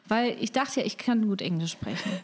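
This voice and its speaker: A woman's voice: medium pitch, expressive, a little fast. A woman co-hosting a podcast in casual chat, self-mocking and full of fillers. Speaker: podcast co-host.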